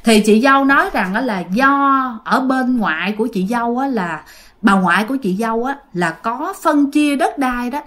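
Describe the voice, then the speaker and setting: A woman's voice: a little high, a bit bright. A woman telling a ghost story in a casual, chatty way, speaking directly to her listeners.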